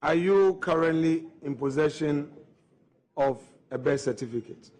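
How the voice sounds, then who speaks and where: A higher-voiced man leads formal questioning at a parliamentary hearing. He drags out key phrases slowly and deliberately. He keeps returning to the same point, pushing for a clear answer. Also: a little mellow. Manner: slow, deliberate, pressing questions. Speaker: committee member questioning the nominee.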